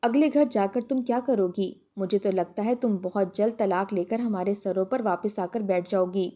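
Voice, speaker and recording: A woman voicing a domineering young sister-in-law who barks orders and scolds, mellow in tone. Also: mid-range voice, close to an everyday voice. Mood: commanding. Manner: imperious, scolding.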